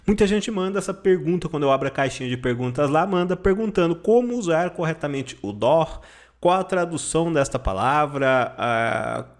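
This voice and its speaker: Man teaching German, slightly high. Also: expressive, normal speed. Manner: explanatory, frequent "tá?" and "né?" checks. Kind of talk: online language lesson.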